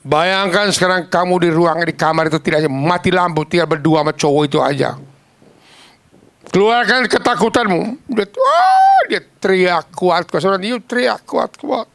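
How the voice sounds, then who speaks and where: A man preaching a sermon, telling stories in a lively, casual, slangy way and acting out the voices of the people in them. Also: high voice, moderate pace, dry recording. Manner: animated, acts out quoted voices.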